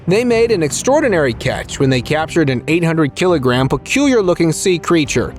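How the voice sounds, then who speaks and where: A man reading scripted nature documentary narration for a video about strange creatures, as a voice-over. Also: on the high side.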